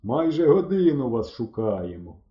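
A man voicing a brash teenage village youth who mocks in a loud, drawn-out, scornful way. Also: medium pitch, big pitch swings. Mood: brisk. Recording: roomy, slightly dull recording.

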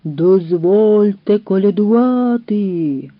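Female reader doing a greedy fairy-tale wolf, slow, menacing demands, lively pitch. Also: dry recording. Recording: dull dry recording.

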